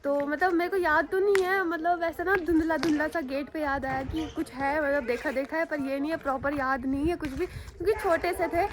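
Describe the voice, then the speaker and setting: A woman's voice: high-pitched, fairly even intonation, a little fast. A woman vlogger from Jammu and Kashmir, talking to viewers in a chatty, rambling way and recording herself outdoors on a handheld phone. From Jammu and Kashmir, India. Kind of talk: casual vlog storytelling to viewers. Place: outdoors on a rooftop and at a school ground.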